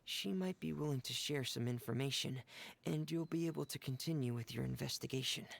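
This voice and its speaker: A man voicing a shy, reserved young male diver and toymaker in a game, speaking quietly and hesitantly. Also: mid-range voice, fairly quick, vocal fry, dry recording. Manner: quiet, soft-spoken and hesitant. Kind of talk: game voice acting.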